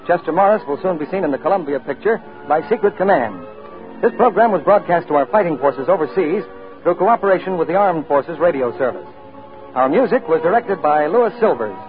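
A man reading the announcements of a 1940s radio show in a formal, polished announcer style. The sound is that of an old-time radio broadcast. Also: on the high side. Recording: tinny lo-fi 1940s radio broadcast, faint music behind.

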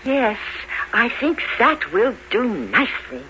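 A woman's voice: on the high side, big pitch swings, slow, pushed and bright, full character voice. An actress playing a kindly, absent-minded fairy godmother in a children's fairy-tale drama, speaking with the grand flourish of a stage magician. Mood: grand, theatrical. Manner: theatrical magician, grandly incanting and exclaiming. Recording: dull lo-fi recording with faint noise.

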